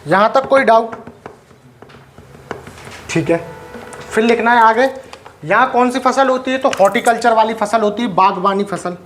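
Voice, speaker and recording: A teacher lectures a live class in a classroom, stopping often to quiz the students and check for doubts. The notes are dictated point by point for the class to write down. The voice sits at a middle pitch over a faint hum of background noise. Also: moderate pace, pauses often, fairly bright tone.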